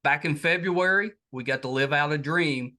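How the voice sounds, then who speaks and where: A middle-aged podcast host from the United States, with a sharp, somewhat high voice, speaks at a moderate pace. He's casual and earnest, chatting as he thanks his audience and appeals to them.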